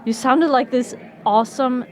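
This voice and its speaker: A woman's voice: sits high, normal speed. A woman co-hosting a walking tour outdoors, chatting in a playful, teasing way. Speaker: podcast co-host. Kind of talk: casual chat on a walk.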